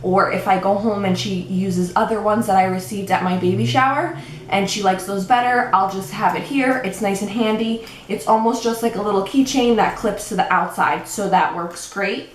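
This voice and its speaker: A woman's voice: medium pitch, steady tone, normal speed. A young woman vlogging at home, chatty and a little out of breath as she explains things step by step. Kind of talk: casual show-and-tell vlog. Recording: echoey room with faint background noise.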